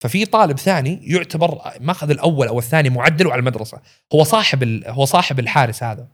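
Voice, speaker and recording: A man, a podcast guest who tells animated stories, acts out quotes and laughs often. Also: medium pitch, very fast. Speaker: podcast guest, actor and writer. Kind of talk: casual storytelling chat.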